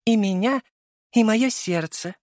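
A man's voice: high-pitched, lively intonation, moderate pace, dry recording, clean studio sound, pitched above the performer's own voice. A man reading an audiobook and voicing a teasing, mischievous young noblewoman who mocks playfully and theatrically.

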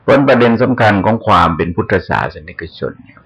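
An older man, a Buddhist monk, giving a sermon in a slow, measured way with pauses as he explains. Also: medium pitch, a bit bright, husky.

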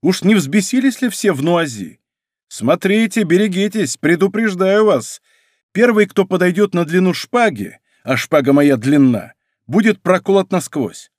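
A man's voice: high-pitched, expressive, a little slow, dry recording, clean studio sound, voice pushed up. A man voicing a bold young Gascon musketeer lieutenant in an audiobook, speaking with a Gascon accent in a brash, defiant way. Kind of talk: audiobook character voice.

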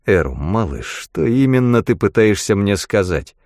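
A man voicing an arrogant male linguist who speaks slowly, quietly and with threat. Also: fairly low pitch, big pitch swings, no echo, clean studio sound. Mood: menacing.

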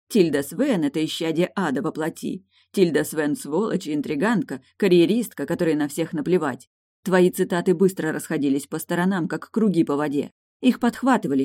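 A single reader voicing a sharp-tongued, bitter woman who walks with a cane, raised a little above their own voice, in audiobook style. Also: medium pitch, no room sound, studio quality, natural voice. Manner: mocking, bitter. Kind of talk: audiobook character voice.

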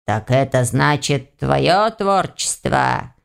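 A woman's voice: very deep voice, animated, slow, gravelly, smooth, voice pushed down, heavily acted. A woman voicing a stern, scolding older male gnome leader. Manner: barking, scolding.

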